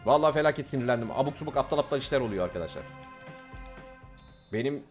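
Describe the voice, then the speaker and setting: A young man giving live, excitable commentary on his own gameplay, jumping from calm play-by-play to angry outbursts. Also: mid-range voice, quick pace, soft background music. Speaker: gameplay streamer.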